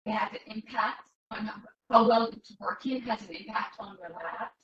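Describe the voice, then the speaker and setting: A woman's voice: mid-range voice, moderate pace, a bit bright, muffled recording. Woman patient speaker, earnest and advising, heard over choppy breaking-up remote call audio. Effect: choppy, breaking-up online call audio. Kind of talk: webinar presentation. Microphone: remote call microphone, too far off.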